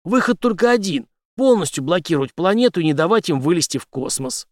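A stubborn, brash officer pushes his point in forceful, clipped phrases, played by a male audiobook reader. The voice sits fairly high, recorded dry and close. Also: big pitch swings, a little fast, dry recording.

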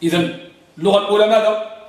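A man with a high voice teaches a grammar lesson, pressing his students with repeated questions and stretching out example words. He is recorded from a distance in a strongly echoing classroom. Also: fairly even intonation, rapid-fire. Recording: very echoey room, mic far off.

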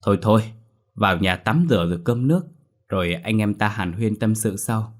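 A man's voice: fairly low pitch, normal speed, close to an everyday voice. A man voicing a talkative, teasing village man in his thirties in a storybook reading.

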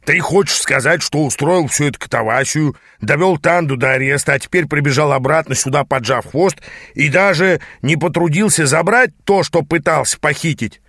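A man's voice: fairly high pitch, normal speed, fairly bright tone, no room sound. Guy reading as a snarky demon teacher, growly, scolding his apprentice, dry close sound. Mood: stern. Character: gruff scaly male demon mentor, sarcastic. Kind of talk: audiobook character voice.

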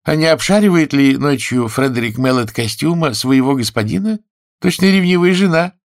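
A man's voice: on the high side, expressive, moderate pace, no room sound, clean studio sound, pitched above the performer's own voice. A man reading a story aloud and voicing a cheeky, restless young woman thief with a coy, teasing manner. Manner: coy, teasing, then defiant. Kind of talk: audiobook character voice.

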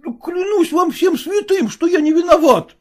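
A woman's voice: a little high, very animated, moderate pace, darkish tone, breathy edge. A woman reading a storybook, voicing a flustered young male fiancé who pleads and defends himself. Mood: pleading.

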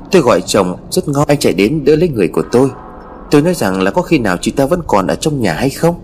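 Expressive male ghost story narrator. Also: medium pitch, a little hiss or hum. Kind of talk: scripted first-person ghost story narration. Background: faint music.

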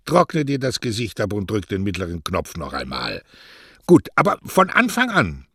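Man voicing a blunt older widow, gruff, sarcastic, low husky voice, audiobook reading. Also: huge pitch swings, moderate pace, dry recording, clean studio sound, heavily acted.

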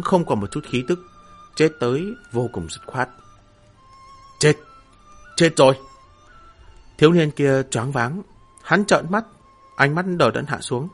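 Male narrator, mid-pitched, steady dramatic reading, faint music bed. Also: breathy edge. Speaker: audiobook narrator. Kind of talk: fantasy novel narration.

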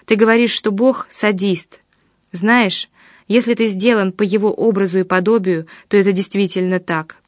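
A woman's voice: medium pitch, fairly even intonation, moderate pace, dry recording, clean studio sound, natural voice. A woman reading an indignant young man. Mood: appalled.

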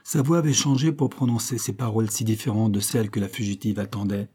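Deep-voiced man reading a story. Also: steady tone, fast talker, dark tone, slightly rough. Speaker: audiobook narrator. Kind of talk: scripted literary narration.

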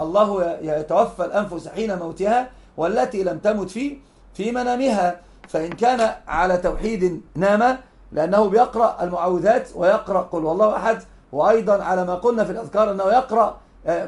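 A man's voice: sits high, a little mellow. A man giving a religious lesson, emphatic and repeating key phrases as he explains texts. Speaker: sheikh teaching hadith.

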